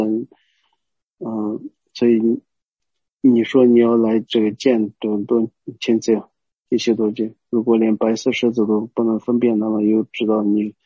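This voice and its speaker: A man giving a Buddhist teaching as a story, hesitant, pausing often and explaining as he goes. The recording is dull and lo-fi. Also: fairly low pitch, dark tone, breathy edge, no echo. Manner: hesitant, many pauses and restarts, explaining as he goes.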